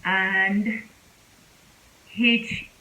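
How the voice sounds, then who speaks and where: A woman teaching a casual spoken lesson, speaking slowly and repeating example words several times. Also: medium pitch, level tone, pushed and bright, poor audio. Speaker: Korean language teacher.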